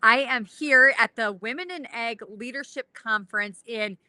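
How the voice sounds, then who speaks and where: A woman's voice: a little high, normal speed, pushed and bright, no room sound. A woman with a South Dakota accent hosting a casual podcast interview in an upbeat, chatty way. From South Dakota, USA.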